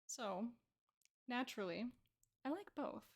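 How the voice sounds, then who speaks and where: A woman's voice: fairly high pitch, animated, unhurried, breathy edge. A woman art streamer chatting casually and playfully while she draws, joking and laughing with her viewers. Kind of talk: casual chat while drawing.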